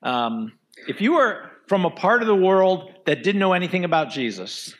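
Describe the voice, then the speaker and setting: A man's voice: high-pitched, big pitch swings, normal speed. A man giving a sermon as pastor, earnest and asking the congregation rhetorical questions. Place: church before a live congregation.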